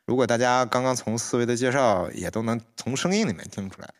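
A man's voice: medium pitch, fast talker. A young man hosting a casual chat, teasing and prompting the others with questions. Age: young adult. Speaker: podcast host.

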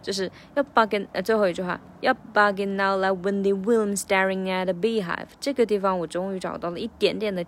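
A woman's voice: medium pitch, steady tone, a little hiss or hum. A woman, an English teacher, casually talking through her lyric practice in a reflective vlog. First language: Chinese. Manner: reflective, breaks lyrics into slow drills.

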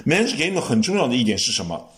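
A man hosting a casual sports podcast chat, giving long lively explanations with frequent restarts. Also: mid-range voice, fast talker. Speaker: podcast host.

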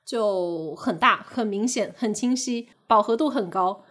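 A woman co-hosting a casual podcast chat, who speaks in a measured way and describes things in careful detail. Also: mid-range voice, fairly bright tone. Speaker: podcast co-host.

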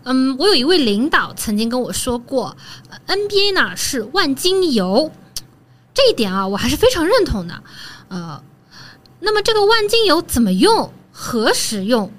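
Chatty higher-voiced woman podcast guest. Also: very animated, moderate pace. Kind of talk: casual podcast conversation.

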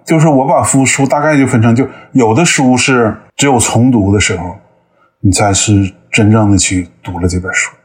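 Husky, unhurried man in his fifties. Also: mid-range voice. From northeast China. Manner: thoughtful, measured, with frequent hesitations. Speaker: guest. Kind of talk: conversational interview.

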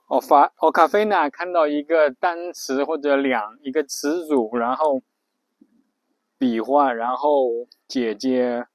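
A man's voice: medium pitch, dry recording, poor audio. A man hosting an audio show who explains vocabulary in a casual monologue, chatty and thinking aloud with frequent fillers. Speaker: podcast host.

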